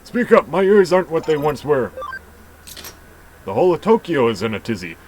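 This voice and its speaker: A man voicing a loud, hard-of-hearing elderly person who talks in a gruff, shouting manner. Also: medium pitch, very animated, rapid-fire, a little hiss or hum, natural voice. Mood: cranky.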